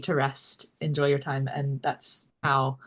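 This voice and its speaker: A woman with a Midwestern American accent, co-hosting a podcast chat, affirming and warm. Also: a bass voice, little pitch movement, slow pace. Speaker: podcast co-host. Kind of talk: casual chat.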